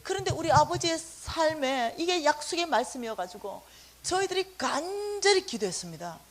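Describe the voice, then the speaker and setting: A woman minister giving a testimony sermon, telling her story with animated storytelling and acting out the dialogue. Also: sits high, moderate pace.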